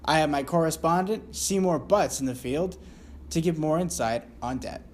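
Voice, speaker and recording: A man's voice: fairly high pitch, normal speed, a little hiss or hum. A man anchoring a satirical newscast, reading scripted copy in a mock-serious newscaster manner with crude asides.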